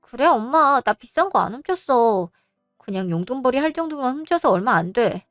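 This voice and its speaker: Woman as a whiny twenties sister-in-law, high, dry, sulky. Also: sing-song, moderate pace, fairly bright tone, no room sound, soft background music. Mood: defensive. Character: spoiled young adult sister-in-law, whiny and defensive thief.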